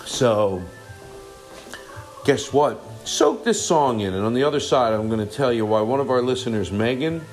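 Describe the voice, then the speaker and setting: A man's voice: medium pitch, expressive, normal speed, faint music behind. A man hosting a podcast in casual, rambling solo chat, with silly over-the-top showmanship and repeated phrases. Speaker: podcast host.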